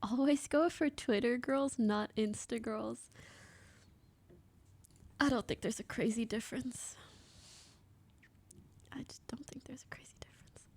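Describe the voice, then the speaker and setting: A woman's voice: a little high, measured pace, pauses often, darkish tone. A woman in her twenties from Canada, a streamer chatting bluntly and casually while reacting to clips and reading chat.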